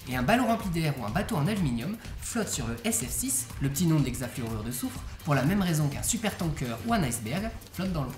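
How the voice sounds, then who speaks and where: A woman's voice: low voice, sing-song, fast, few pauses, darkish tone. A woman presenting science in a scripted explanatory narration. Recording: roomy echo under music.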